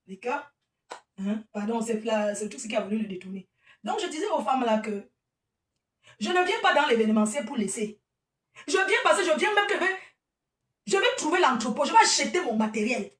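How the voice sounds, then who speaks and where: A woman's voice: high-pitched, fairly bright tone. A woman, an event organizer, ranting combatively on a livestream and breaking into laughing asides. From Cameroon. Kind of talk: livestream rant. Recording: echoey room, distant from mic.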